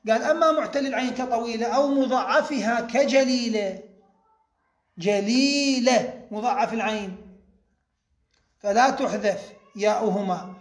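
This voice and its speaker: A man teaching a grammar lesson, explaining step by step, repeating key points and slowing down to spell out each example. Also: extremely high pitch, roomy sound.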